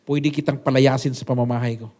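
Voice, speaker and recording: A man's voice: mid-range voice, fairly even intonation, fairly quick, warm tone, pitched below the performer's own voice, lightly acted. A man voicing a stern aging father in a sermon story, speaking firmly and scolding. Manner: scolding, firm.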